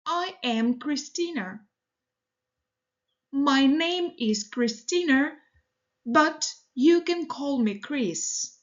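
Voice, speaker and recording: Slow, high-voiced woman reading lesson sentences. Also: lively intonation, dull audio. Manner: slow, deliberate, evenly paced reading. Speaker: English teacher. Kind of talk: reading model sentences for learners.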